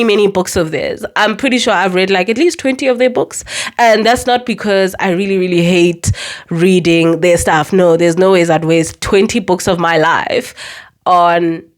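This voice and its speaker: Young woman chatting about books, lowish voice, emphatic, kinda sarcastic, repeats stuff for stress. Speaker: book reviewer. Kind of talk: casual book review vlog.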